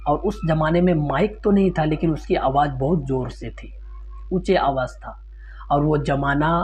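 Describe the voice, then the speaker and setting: An Islamic religious teacher answers a question about a ruling in an informal lecture, explaining didactically, citing sources and rephrasing points more simply. His voice is a little high and husky, and the recording is dull and lo-fi with a loud hum.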